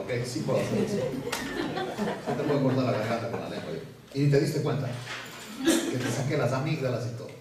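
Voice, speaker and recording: A pastor preaching a sermon, telling a story with humor and lively delivery. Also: male voice, medium pitch, recorded from a distance, background noise. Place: church. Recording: echoey church hall from afar.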